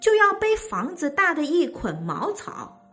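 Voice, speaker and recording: A woman's voice: high-pitched, wildly swooping pitch, a little slow, sharp tone, faint music behind, voice pushed up, full character voice. A woman voicing a proud, boastful male tiger in a children's story, scornful and bossy.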